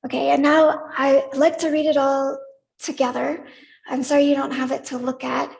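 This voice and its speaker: A woman leading a congregation in worship, gently inviting them to repeat words back to her. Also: high voice, flat delivery, normal speed, creaky, low-quality recording. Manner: gentle, inviting, leads call-and-response. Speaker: service leader. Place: church sanctuary.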